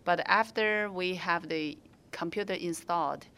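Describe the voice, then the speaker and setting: A restaurant owner with a Mandarin Chinese accent answers interview questions in English, her second language, with many fillers and restarts. Her fairly low voice is smooth, pushed and bright, at a measured pace.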